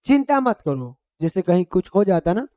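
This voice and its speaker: A man's voice: sits high, big pitch swings, moderate pace, warm tone, no echo. A man teaching everyday English phrases, repeating each phrase and quizzing the listener. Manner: drills each phrase with repeated quiz questions; simple, homely explanations. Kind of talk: Hindi-language English lesson.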